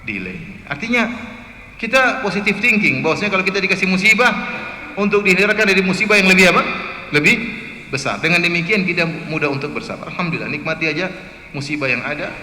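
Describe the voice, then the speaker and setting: A man's voice: on the high side, fast, sharp tone. A man preaching a sermon in a mosque, telling stories and asking the congregation rhetorical questions. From Indonesia. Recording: echoey mosque hall, faint hiss.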